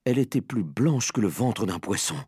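A man narrating a story in an audiobook with lively, expressive delivery. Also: mid-range voice, normal speed, breathy edge, no echo, clean studio sound.

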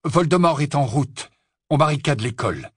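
An urgent teenage wizard hero, brisk and to the point, as a male reader voices him. A husky, dry voice only a little above the reader's own. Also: fairly high pitch, animated, no room sound, pitched above the performer's own voice.

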